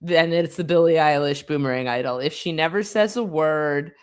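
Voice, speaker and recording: A woman's voice: low voice, normal speed, clear, resonant tone. Woman, podcast guest, casual chat, wry, tongue-in-cheek, filler-heavy. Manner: chatty, lots of fillers and restarts.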